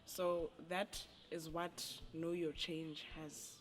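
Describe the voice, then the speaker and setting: A young adult musician, answering interview questions in a deliberate way. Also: medium pitch, little pitch movement. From Botswana.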